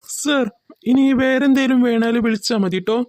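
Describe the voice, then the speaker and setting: A woman's voice: medium pitch, steady tone, fairly quick, dark tone, natural voice. A woman voicing a polite, formal waiter on a boat in a cartoon.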